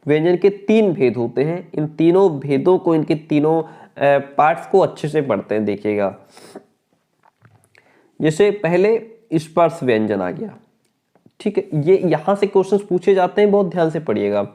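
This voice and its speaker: A man teaching an exam-prep grammar lesson, his voice sitting fairly high for a man. He works through the material by asking questions and answering them himself, repeating each key point before moving on. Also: animated, moderate pace, dark tone.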